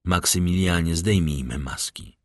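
A man voicing a calm, grave count. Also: deep voice, no echo, clean studio sound. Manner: gentle, hushed and measured.

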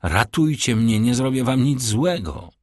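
Man as a cornered young crook, wheedling, husky voice, lively swings, storybook. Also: medium pitch, measured pace, no echo, clean studio sound. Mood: pleading. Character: cornered young male criminal, pleading then smug.

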